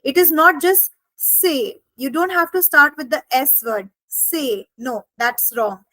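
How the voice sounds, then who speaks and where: Woman language teacher, high bright voice, dry close sound, patient step-by-step explainer. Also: no echo, poor audio. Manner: explains each phrase step by step, slows for German examples.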